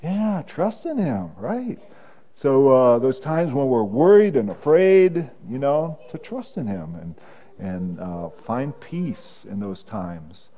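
A male pastor giving a children's message in a church sanctuary, talking gently and haltingly with many fillers, then leading a prayer. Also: medium pitch, very animated, dull audio.

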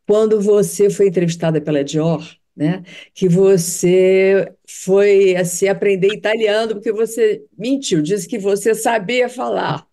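A woman's voice: mid-range voice, steady tone, a little slow, mellow. A woman with a Brazilian Portuguese accent, hosting a fashion TV interview, asking questions and reading teasers. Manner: asks questions, reads program teasers. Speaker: TV host.

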